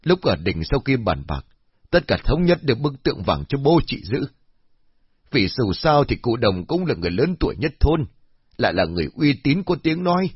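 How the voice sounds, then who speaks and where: A man's voice: mid-range voice, big pitch swings, normal speed, slightly rough, dry recording, pitched above the performer's own voice. A man doing a scolding, suspicious old village woman. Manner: scolding, accusing. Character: sharp-tongued elderly village woman, suspicious and accusing. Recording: dull lo-fi.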